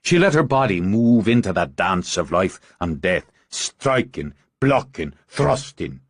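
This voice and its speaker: A male audiobook narrator with a low voice and very lively, dramatic delivery. The recording is close and dry. He reads battle scenes with expressive swings. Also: a little slow, dry recording.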